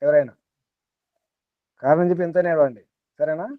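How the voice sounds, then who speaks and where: A man's voice: fairly high pitch, steady tone, a little fast, dry recording. A man teaching a small group in a spiritual talk, repeating his points and asking rhetorical questions. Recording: tinny phone-like dry sound.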